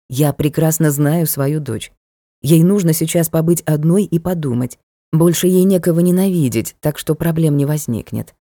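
A woman reading an audiobook voices an aristocratic dark lord father who speaks softly and evenly with mild irony. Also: low voice, no room sound, studio quality. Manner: soft, measured, mildly reproachful.

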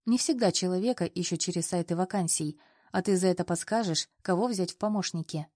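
A woman's voice: fairly low pitch, a little fast, a little mellow, dry recording, studio quality, close to an everyday voice. A woman reading the lines of a confident young male boss who teases and gives orders. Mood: teasing. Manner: teasing, commanding.

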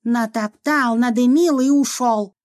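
Woman putting on a shrill old ghost crone. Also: measured pace, lightly acted. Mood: scornful. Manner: shrill, scolding, yelling. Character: furious old peasant woman ghost, quarrelsome.

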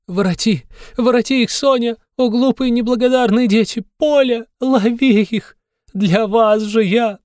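A man doing a shrill, frantic widow. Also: brisk, a little mellow, no room sound, clean studio sound, natural voice. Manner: shrill, wailing cries.

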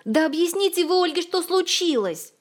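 A woman voicing an excitable, tearful young woman who is scared of snakes, sobbing and shrill. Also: normal speed, lightly acted. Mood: hysterical.

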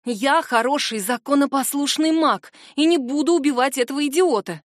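A woman reading the lines of a young male death mage who is teasing and calmly firm. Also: high-pitched, moderate pace, no echo, studio quality, voice pushed up, close to an everyday voice.

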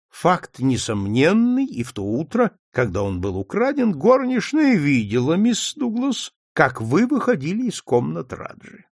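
A man voicing a calm, shrewd male detective who questions gently and conciliatorily. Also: sits high, gravelly, no room sound, clean studio sound, pitched above the performer's own voice, full character voice.

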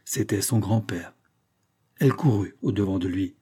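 A male audiobook narrator reads a classic novel at an unhurried, measured pace. His voice sits low and mellow, with a soft, husky grain. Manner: slow, measured, descriptive.

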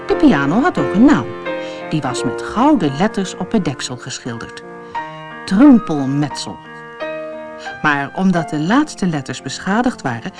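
A woman narrating a children's storybook with a low voice that swoops and lifts in lively melody. She tells it expressively, with soft music faintly under her.

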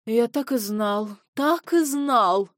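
A woman's voice: fairly high pitch, expressive, slow pace, dry recording, clean studio sound, voice pushed up. A woman reading a storybook aloud, voicing a nervous male nobleman creature who cries out in a panic. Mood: panicked. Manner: panicky and loud.

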